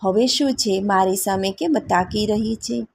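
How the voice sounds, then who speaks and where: A woman storyteller voicing a proud king who mocks a beggar woman, with a gravelly voice. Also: mid-range voice, measured pace, a little hiss or hum. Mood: mocking. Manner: scornful, teasing. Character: proud mocking man, a king.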